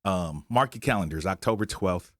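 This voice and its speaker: A man's voice: low-pitched, animated, normal speed, no room sound, studio quality. A man in his forties co-hosting a casual podcast, easygoing and full of fillers. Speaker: podcast co-host, rapper. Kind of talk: casual chat.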